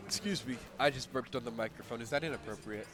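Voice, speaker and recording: A man's voice: mid-range voice, quick pace. A man co-commentating a fighting game match in a laid-back, joking way. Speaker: esports co-commentator. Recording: music clearly audible behind the voice.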